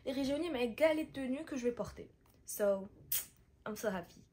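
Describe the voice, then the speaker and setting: A woman's voice: on the high side, expressive, a little fast, warm tone. A young woman chatting casually through a shopping haul vlog and mixing languages as she talks. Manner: chatty, switching between languages mid-sentence. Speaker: vlogger.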